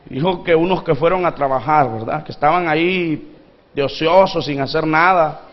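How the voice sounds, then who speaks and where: A pastor from Honduras with a fairly high-pitched voice delivers a sermon at a moderate pace, recorded with dull sound. He prompts his congregation for responses and acts out the parable's pleading voices.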